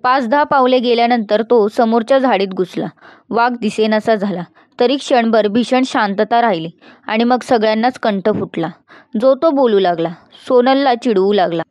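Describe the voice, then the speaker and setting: A woman reading an audiobook love story aloud in an even, measured way. Her voice sits somewhat high, and the recording is dry and close with no room sound. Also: dry recording. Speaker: narrator. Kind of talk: scripted audiobook narration.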